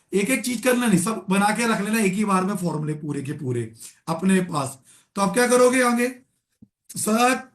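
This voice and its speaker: A man's voice: high voice, a bit bright, reverberant. A man teaching a live online Excel class, often calling his students "beta" and checking that they follow.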